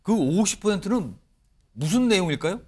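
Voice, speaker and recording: A man's voice: high voice, very animated, brisk, darkish tone. A man anchoring a news talk show, introducing panelists and prompting them with questions and short acknowledgments. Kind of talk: studio panel discussion.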